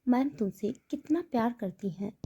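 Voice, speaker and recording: A woman voicing a gentle, kindly female caretaker who speaks with calm warmth. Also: on the high side, normal speed, slightly rough. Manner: gentle, amused.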